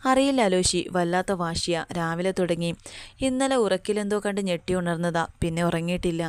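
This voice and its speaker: A woman's voice: lowish voice, moderate pace, clear, resonant tone, no echo, lightly acted. A woman voicing an anxious young mother, pleading and worried.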